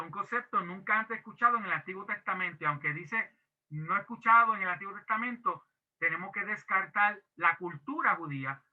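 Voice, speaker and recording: A man teaching a Bible class sermon as pastor, lively and acting out quoted dialogue, with English words mixed in. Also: sits high. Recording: tinny phone-like audio.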